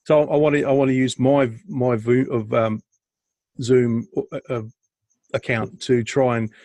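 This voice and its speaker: A man's voice: medium pitch, a little mellow, dry recording. A chatty man with a middle-range voice, telling stories on a podcast with a self-deprecating humor. The sound is dry and close, with no room around it. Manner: chatty storyteller, self-deprecating, laughs a lot. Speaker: podcast co-host. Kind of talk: casual chat on a video call.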